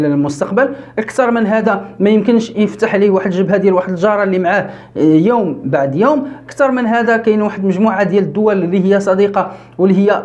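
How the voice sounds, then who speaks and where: Fast-talking Moroccan man, high voice. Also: dull audio. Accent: Moroccan Arabic. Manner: fast, animated, frequent fillers and self-corrections. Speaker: YouTube news commentator. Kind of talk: casual political commentary.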